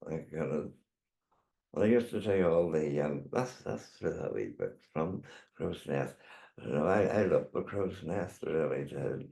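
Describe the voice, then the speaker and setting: A man's voice: a bass voice, expressive, a little slow, gravelly, warm tone. An older man with a Northern Irish accent, a drag performer reminiscing in a rambling, chatty way as an interview guest. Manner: rambling, chatty storytelling with repeated tags. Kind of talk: casual reminiscing chat. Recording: echoey room.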